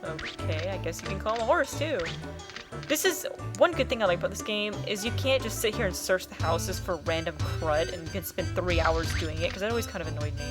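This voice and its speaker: A woman's voice: lowish voice, expressive, a little fast, over music. Chatty woman narrating a game. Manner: chatty, giggly, explains as she plays. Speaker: let's play host. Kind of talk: casual game commentary.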